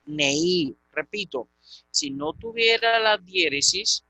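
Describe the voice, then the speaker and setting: A man teaching a Greek grammar lecture, patiently repeating and slowly spelling out word forms. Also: sits high, sing-song, vocal fry, sharp tone, dry recording, poor audio.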